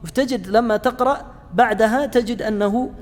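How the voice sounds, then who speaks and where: A man teaching a class on Quranic interpretation, pausing often with fillers and restarts and asking his students questions. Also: very high voice, long reverb tail. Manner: halting, frequent fillers and restarts, chats with students. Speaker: Islamic studies lecturer.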